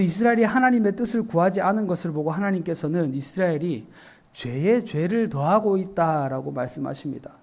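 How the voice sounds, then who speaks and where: A male pastor giving an earnest, explanatory evening sermon, often pausing with short fillers. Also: fairly high pitch, creaky, darkish tone. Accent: Korean.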